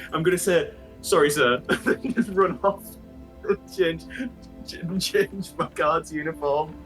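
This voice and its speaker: A man's voice: a little high, steady tone, slow, long pauses, soft background music, poor audio. Flustered, laughing man at the table. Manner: flustered, laughing, self-interrupting. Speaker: player. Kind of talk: casual tabletop play.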